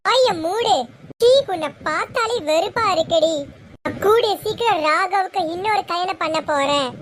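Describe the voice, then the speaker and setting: Serial villain: a woman playing a contemptuous mother-in-law, very high-pitched. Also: moderate pace, a bit bright, slight background noise. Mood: scolding. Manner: scolding, contemptuous. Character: scornful domineering middle-aged mother-in-law. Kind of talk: amateur serial voice acting.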